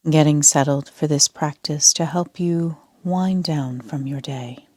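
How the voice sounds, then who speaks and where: A yoga nidra instructor, a woman, leads a sleep meditation in a soft, half-whispered, calm and soothing voice. Her voice sits low and her pace is unhurried, in a dry recording.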